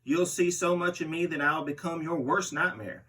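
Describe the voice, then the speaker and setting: A man reads an interview aloud in the menacing promo style of a brutal, boastful barbarian pro wrestler. His natural voice sits on the high side and is fairly bright, with fairly even intonation at normal speed. The microphone is distant.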